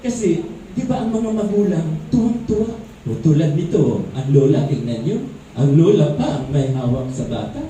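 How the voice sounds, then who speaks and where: Man, pastor, conversational sermon, high voice, dark tone, echoey hall, distant mic. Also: big pitch swings, moderate pace, slight background noise. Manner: conversational preaching with rhetorical questions.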